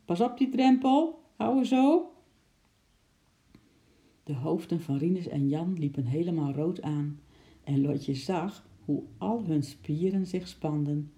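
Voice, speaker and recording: A woman narrating a children's audiobook in a lively, expressive way, adding playful sound effects. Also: sits low, vocal fry. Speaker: storyteller.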